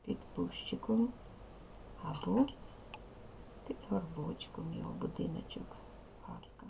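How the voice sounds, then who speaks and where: A woman teacher leading a lesson for young children, speaking slowly and repeating key words. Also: fairly low pitch, creaky, warm tone, slight background noise. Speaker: primary school teacher. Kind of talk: teaching a second-grade language lesson.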